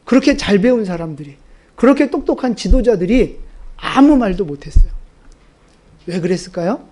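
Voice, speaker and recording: A man with a high voice preaching a sermon. He asks the congregation direct questions and repeats his key points with emphasis. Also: expressive, normal speed, warm tone. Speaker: pastor.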